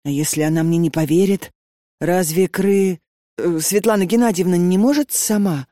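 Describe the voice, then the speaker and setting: A woman's voice: fairly low pitch, moderate pace, warm tone, no room sound, studio quality, lightly acted. A woman reading an audiobook and voicing a sleepy, puzzled young female student who answers hesitantly. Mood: reluctant. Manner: hesitant, bewildered.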